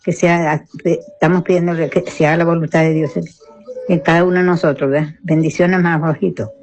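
An older woman's phone voice message, played back on air over faint music. She speaks in a flat, even tone, slow and pleading, and sounds weary and unwell. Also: low-pitched, highs cut off. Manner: slow, pleading, rambling prayer requests. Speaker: radio listener sending a voice message.

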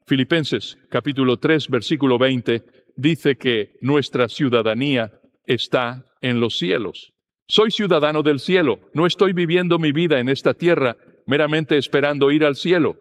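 A man preaching a sermon, speaking in a steady, earnest teaching manner. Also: medium pitch, moderate pace.

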